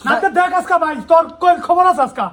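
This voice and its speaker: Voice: extremely high pitch, fast, fairly bright tone. A performer, playing an exasperated husband in a comedy sketch. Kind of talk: scripted comedy skit.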